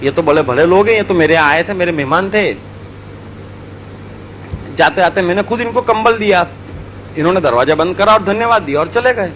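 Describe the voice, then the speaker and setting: A man voicing a generous old male monk in a told story, gently insistent and at times commanding. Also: high voice, brisk, long pauses, lo-fi sound, a little hiss or hum, lightly acted. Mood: calm assured.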